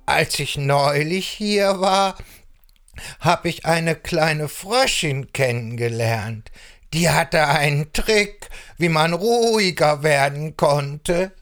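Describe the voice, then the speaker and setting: A man's voice: on the high side, takes it slowly, a bit bright, voice pushed up. A man voicing a young billy goat who complains, exasperated, about his noisy sisters.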